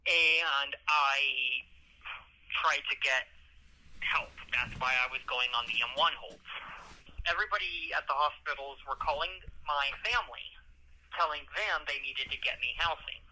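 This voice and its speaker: A man's voice: mid-range voice, pushed and bright. A man speaking earnestly and in rambling explanations on a tinny prison phone call. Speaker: jail inmate on a phone call. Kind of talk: phone conversation from jail. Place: jail phone.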